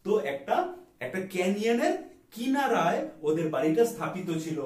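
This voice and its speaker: Man, English lesson, higher voice, roomy echo, a bit off-mic. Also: big pitch swings. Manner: slow, deliberate reading of English example sentences. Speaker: English teacher. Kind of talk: vocabulary lesson. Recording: echoey room, voice a bit far from the mic.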